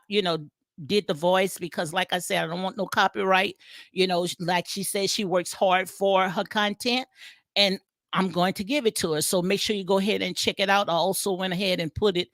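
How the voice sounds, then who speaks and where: A commentary vlogger with a Southern US accent rambles casually about a reality show on a livestream, full of fillers, restarts, and repeated phrases. Her mid-range voice is a bit bright, recorded in studio quality with no echo.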